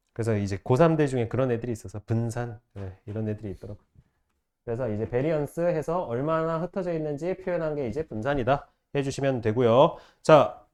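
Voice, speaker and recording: A man teaching math to a class, firing short questions at students and repeating key phrases slowly. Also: mid-range voice, a little mellow. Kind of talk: classroom lecture.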